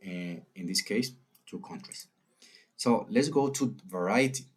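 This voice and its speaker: A man narrating a recorded lesson in a deliberate way, with fillers. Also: fairly low pitch, expressive. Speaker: teacher.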